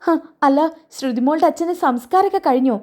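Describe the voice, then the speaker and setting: A caring old grandmother fusses over her family in a high, bright voice, put on by a woman narrating. She scolds and comforts by turns, her tone climbing well above an everyday speaking voice. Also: brisk, close to an everyday voice. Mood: fond, scolding. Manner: fussing, scolding, high and lively.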